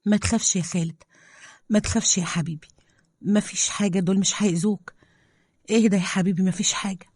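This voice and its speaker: A woman with an Egyptian accent voicing a protective woman scientist who soothes gently and argues hotly. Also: mid-range voice, fast, no echo, voice pushed up, natural voice. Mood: tender. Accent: Egyptian Arabic. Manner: soothing with the wolf, heated with colleagues.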